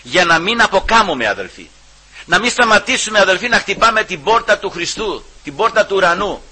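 Husky, sharp-toned male preacher. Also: high-pitched, very animated, low-quality recording. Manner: keeps addressing listeners as brothers, swings between loud emphasis and hushed asides. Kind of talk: sermon.

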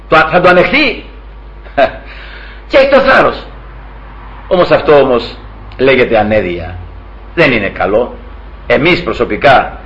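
A man preaching a sermon, telling a story with lively rises and quiet asides to his brothers. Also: on the high side. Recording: dull lo-fi recording.

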